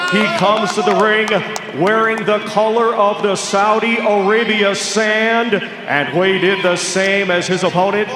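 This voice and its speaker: A man making formal boxing ring introductions like a lucha libre announcer, booming out names and stretching them for the arena. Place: large indoor boxing arena. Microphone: ring announcer's microphone over PA. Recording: echoey arena PA, loud crowd noise.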